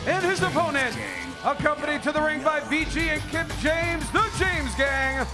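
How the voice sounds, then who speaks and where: High-pitched male wrestling ring announcer. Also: normal speed, loud music behind the voice. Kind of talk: formal drawn-out ring introductions.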